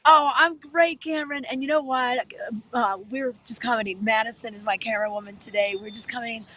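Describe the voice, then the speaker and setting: A woman's voice: on the high side, fairly even intonation, fairly quick, pushed and bright, poor audio. A woman hosting a local morning show, cheerful and chatty, reporting from outdoors. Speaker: field host. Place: outdoors at a mountain resort.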